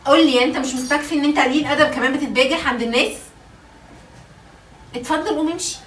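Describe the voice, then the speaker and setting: A woman's voice: high voice, very fast, fairly bright tone, a little hiss or hum. A young Egyptian woman at home, scolding her husband and repeating her demands over and over, recorded on a phone set across the room. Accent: Egyptian Arabic. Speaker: wife, channel co-host. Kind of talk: casual heated argument at home. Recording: echoey room, camera far off.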